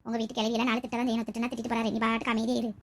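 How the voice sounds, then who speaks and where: A woman voicing a kind but blunt young village wife who talks in a lively way. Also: on the high side, racing. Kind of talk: village comedy skit acting.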